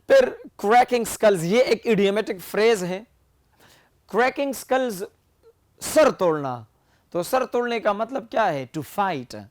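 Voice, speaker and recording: A man's voice: high-pitched, dry recording. A male teacher with a Pakistani accent, giving a vocabulary lecture and repeating key words as he explains. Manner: explains slowly, repeating words and switching between languages.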